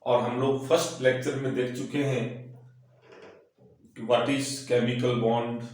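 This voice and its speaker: A man teaching a recorded chemistry lecture, slightly hoarse from a cold, explaining slowly and repeating himself. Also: medium pitch, little pitch movement, darkish tone. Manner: slow, repetitive explaining, mixing English terms. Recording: very echoey, far-off mic.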